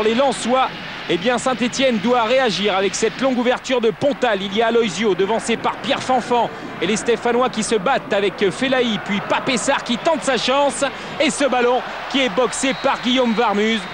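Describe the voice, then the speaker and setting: A man giving excited football commentary in a dramatic, emphatic raised voice. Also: very high-pitched. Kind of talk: excited sports commentary over match highlights. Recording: loud stadium crowd noise behind voice. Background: football stadium crowd.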